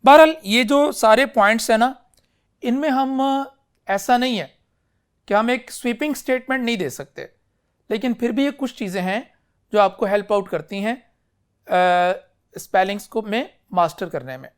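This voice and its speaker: Calling his pupils "beta" and often asking if they follow, a man gives an English spelling lesson in a mix of Urdu and English. His high-pitched voice has a clear, resonant tone. He lectures slowly and deliberately, offering lots of spelling examples.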